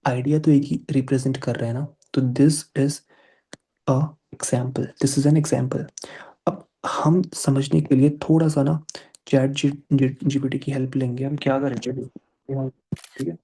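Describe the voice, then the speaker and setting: A man's voice: mid-range voice, little pitch movement, takes it slowly, dark tone, breathy edge. A man teaching an online English grammar class. He mixes English into his explanations and voices his students' questions.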